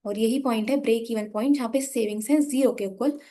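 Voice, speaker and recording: A young Indian woman with a hoarse, sore voice, patiently teaching an economics lesson while drawing graphs and speaking softly. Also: on the high side, fast. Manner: patient, repeats "ठीक है" often, switches between Hindi and English.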